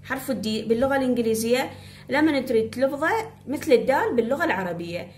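An Iraqi woman gives a spoken blackboard lesson, her voice slightly high. She goes slowly and repeats herself, calling on her pupils to look and listen. The room echoes, with a faint hum behind her. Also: lively intonation, a little mellow. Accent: Iraqi Arabic. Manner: slow, repeating, addresses pupils directly. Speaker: English teacher.

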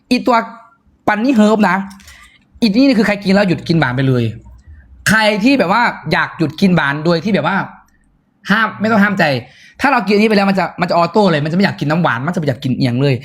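A man with a northeastern Thai Isan accent giving a loud, excitable live-stream sales pitch, breaking into sudden high squeals. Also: quick pace.

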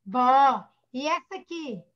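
A woman's voice: high voice, lively intonation, slow pace. A woman teacher with a Brazilian accent, leading an online class for young children and patiently sounding out syllables. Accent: Brazilian Portuguese. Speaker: primary school teacher. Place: home, online video class. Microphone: computer or phone mic on a video call. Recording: dull lo-fi video-call audio.

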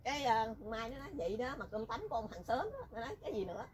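A woman's voice: a little high, expressive, quick pace. A woman telling a story in casual chat, teasing and talkative. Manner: chatty, teasing, rural colloquial speech.

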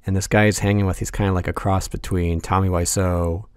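A man's voice: low-pitched, little pitch movement, fairly quick, clean tone, no echo. A man narrating a casual film commentary, amused and chuckling as he talks. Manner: amused, chuckles through lines. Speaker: video essay host.

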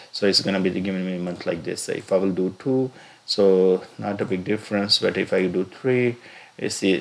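A man narrating a screen-recorded software walkthrough as instructor, halting and full of filler sounds as he explains each step. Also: low-pitched, gravelly. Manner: halting, many filler "uh"s and restarts. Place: voice-over recorded separately from the pictured screen.

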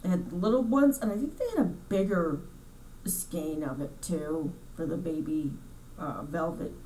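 A woman's voice: low voice, expressive, a little slow, dark tone, far from the mic, slight background noise, poor audio. A woman hosting her crochet channel in a chatty, rambling way, correcting herself as she goes, a bit congested from sinus trouble. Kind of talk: casual chat over store footage.

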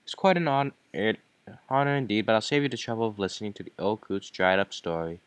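Brief: rambling old male host, slow, formal speech, put on by a man. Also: fairly low pitch, smooth, dry recording, pitched above the performer's own voice, close to an everyday voice.

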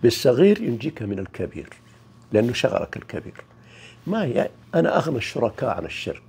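A man giving an informal spiritual talk, swinging from loud emphasis to near-whispers. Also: medium pitch, big pitch swings, fast talker, gravelly, slightly rough. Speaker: spiritual teacher.

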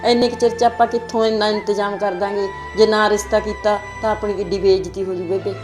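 A woman's voice: mid-range voice, level tone, quick pace, over music, natural voice. A woman playing a pleading bride's mother. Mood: worried. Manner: pleading, anxious.

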